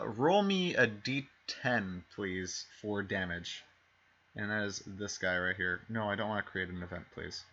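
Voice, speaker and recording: A man's voice: lowish voice, pushed and bright. A man narrating as game master, rambling and correcting himself as he goes. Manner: rambling, self-correcting, fillers and restarts. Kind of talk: narrating a tabletop game over stream. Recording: dull lo-fi stream mic.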